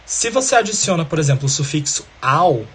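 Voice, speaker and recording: A man's voice: fairly high pitch, lively intonation, a little fast, fairly bright tone, slight background noise. A man teaching a grammar lesson, explaining step by step and often checking in with the listener.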